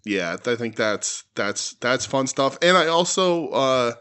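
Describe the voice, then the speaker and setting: A man's voice: medium pitch, expressive, a little slow, sharp tone, smooth. A man co-hosting a wrestling podcast in a loose, rambling chat full of restarts and the odd curse. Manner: rambling, many restarts and swearing. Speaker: podcast co-host. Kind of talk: casual chat.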